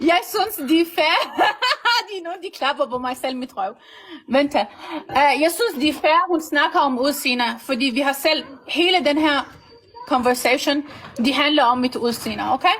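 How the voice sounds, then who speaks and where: A woman with a high, light voice chats on a livestream. She rambles in halting, loosely built sentences, circling back and repeating herself as she goes. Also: a bit bright, slight background noise, rough recording. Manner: rambling, halting, with broken grammar. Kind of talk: casual livestream chat.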